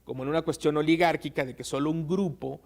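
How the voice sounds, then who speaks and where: Guy with a gravelly voice, lots of eh's, talking through election finance like a lecture. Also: on the high side, fairly even intonation. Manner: measured, frequent "eh" fillers. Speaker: guest expert on election law. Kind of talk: explanatory interview answers.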